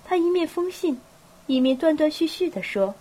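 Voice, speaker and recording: A woman with a cold narrating a novel in a steady storytelling voice. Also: high voice, moderate pace. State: has a cold. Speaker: audiobook narrator. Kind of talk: novel reading.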